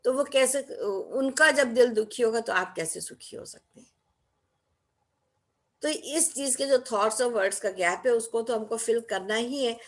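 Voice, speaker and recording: Woman giving a motivational talk, emphatic, acts out little quotes, fairly high voice. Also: normal speed. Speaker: speaker.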